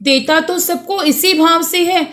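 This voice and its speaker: Brusque, suspicious middle-aged man in a hurry, voiced by a woman reader, high and slow. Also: fairly bright tone. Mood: grumbling. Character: impatient grumbling middle-aged gentleman.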